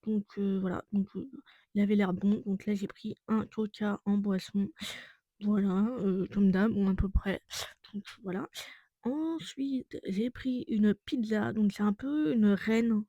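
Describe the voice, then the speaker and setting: A woman's voice: mid-range voice, unhurried, warm tone, dull audio. A young woman chatting casually in a travel vlog, full of fillers and self-corrections. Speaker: vlogger.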